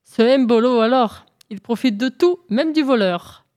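A woman's voice: fairly high pitch, lively intonation, normal speed, darkish tone, close to an everyday voice. A woman voicing a humble male shepherd in a folk tale, speaking respectfully and with admiration. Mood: admiring.

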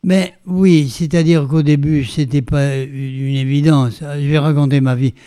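Brief: older French man, veteran performer, mellow resonant voice, dry close sound. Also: on the high side, measured pace, clear, resonant tone, no room sound. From France. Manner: animated, theatrical storyteller with many restarts. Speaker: guest, veteran stage performer. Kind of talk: interview, autobiographical storytelling.

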